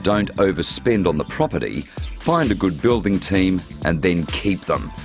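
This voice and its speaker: Narrating a scripted television news report, an Australian man speaks at normal speed in a low, very animated voice. Loud music runs under his narration.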